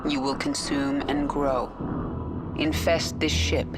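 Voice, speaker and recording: A woman's voice: very deep voice, level tone, slow pace. Queen of Blades, a cold swarm queen. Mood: commanding. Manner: cold, commanding, terse. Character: female alien swarm queen, cold and commanding. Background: game score music.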